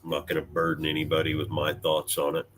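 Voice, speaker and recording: A man's voice: extremely low pitch, monotone, quick pace, a bit bright, a little hiss or hum. A man from Illinois chatting casually with live viewers, laid-back and rambling, with plenty of fillers and mild swearing. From Illinois, USA. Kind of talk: casual live-stream chat.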